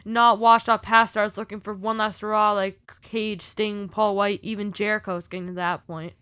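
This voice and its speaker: A woman's voice: mid-range voice, little pitch movement, normal speed, a bit bright, clear, resonant tone, no echo. A woman co-hosting a wrestling recap podcast, reading through segments with sarcastic, exasperated asides. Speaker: podcast co-host. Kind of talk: casual wrestling recap chat.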